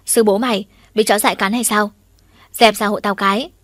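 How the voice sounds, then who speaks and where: A sharp-tongued mother who scolds at every turn, voiced by a woman reading an audiobook. Her voice is loud and gruff, full of curses and quick retorts. It is recorded dry and close, with no room sound. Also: mid-range voice, steady tone, no room sound, close to an everyday voice. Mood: snapping. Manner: gruff, cursing, snapping.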